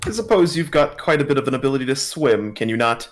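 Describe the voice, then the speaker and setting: A man's voice: mid-range voice, animated, faint music behind, close to an everyday voice. A man voicing a pompous, scheming male noble trader in a tabletop game. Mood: smug. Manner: haughty, drawn-out speech.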